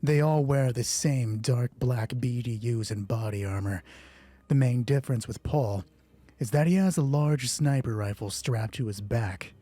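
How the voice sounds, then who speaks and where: Acting as host of a solo tabletop roleplay, a man narrates in a mellow mid-range voice, shifting between measured storytelling and casual asides. The audio has no echo.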